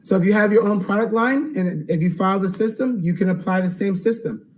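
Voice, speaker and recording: A man hosting a live webinar Q&A, upbeat and salesy, checking in with "okay?" and going hoarse. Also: high voice, brisk, darkish tone, slight background noise, rough recording. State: losing his voice. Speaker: online course host.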